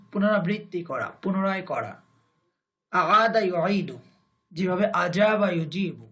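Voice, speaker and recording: Male teacher with a Bangladeshi Bengali accent, high voice, slow and deliberate, repeats phrases and then translates them. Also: a bit bright. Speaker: Arabic grammar teacher. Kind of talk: recorded grammar lesson.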